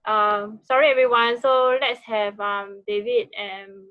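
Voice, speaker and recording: A woman's voice: medium pitch, fairly even intonation, measured pace. A woman moderating an online talk, politely directing the others, her voice muffled by a bad video call connection. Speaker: event moderator.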